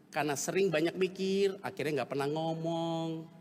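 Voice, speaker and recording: A male pastor preaching a sermon in a casual, animated way, dropping to soft asides and rising to loud emphasis, with playful acted examples. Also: on the high side, moderate pace, slight background noise. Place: large church hall. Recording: long church hall reverb.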